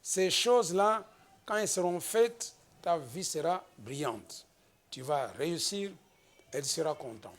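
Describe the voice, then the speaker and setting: A man from the Democratic Republic of the Congo preaching a slow, emphatic sermon as pastor, rising into exhortations. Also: on the high side, expressive.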